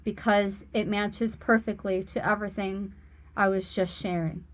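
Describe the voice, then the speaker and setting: A woman working as a spiritual reader and healer, giving an oracle card reading in a slow, earnest, reassuring way. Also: medium pitch, steady tone.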